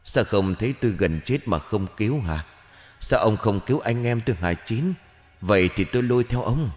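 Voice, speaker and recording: A man voicing the vengeful ghost of a drowned young man, quietly menacing and gloating, over faint music. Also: on the low side, lively intonation, normal speed, in a large hall, lightly acted. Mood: hollow taunting. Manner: menacing, gloating, hissing threats.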